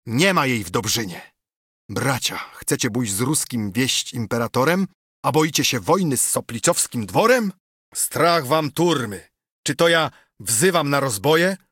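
A man's voice: medium pitch, expressive, unhurried, a bit bright, husky, no echo, clean studio sound. A man voicing an embittered old male steward who rouses a crowd with impassioned speech, in an audiobook reading of an epic poem. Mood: rousing. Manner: impassioned, rousing.

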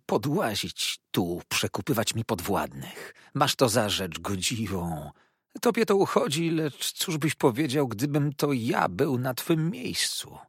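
A man voicing a sneering, venomous young male clerk who hisses his words in spite, in a storybook reading, with a husky voice in a dry recording. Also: fairly bright tone, no room sound, full character voice. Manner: hissing, shrill, spiteful.

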